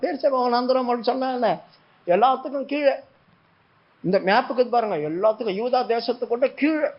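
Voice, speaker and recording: High-voiced man preaching with drama. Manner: dramatic, acts out prayers and God's replies. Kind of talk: sermon. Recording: dull lo-fi sermon recording.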